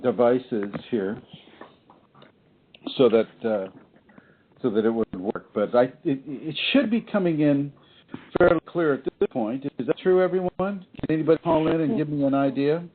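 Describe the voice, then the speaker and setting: A man hosting a casual call-in show from home over an iPad, his voice warbling and wobbling on the line as he talks in halting bursts with many restarts. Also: mid-range voice. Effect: wobbly warbling call audio. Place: home, seated in a rocking chair. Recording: tinny phone-like line with faint noise.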